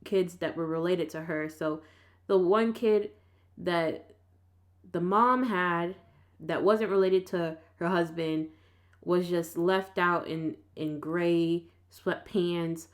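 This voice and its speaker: A woman chatting casually and arguing her point in an insistent, colloquial, animated way. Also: lowish voice, slow. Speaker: vlog host. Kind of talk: casual argumentative chat.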